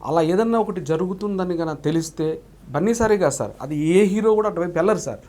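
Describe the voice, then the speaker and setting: In a casual interview, an actor speaks with a high, dark-toned voice at a fast pace. He's earnest and polite, addresses the host as "sir" constantly, and frequently restarts his sentences.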